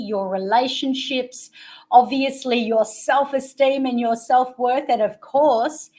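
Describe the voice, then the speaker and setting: A middle-aged woman hosting a live interview show. Her voice sits fairly high, and she takes her time. She builds her lines with eager, dramatic emphasis. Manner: enthusiastic, promotional, dramatic emphasis.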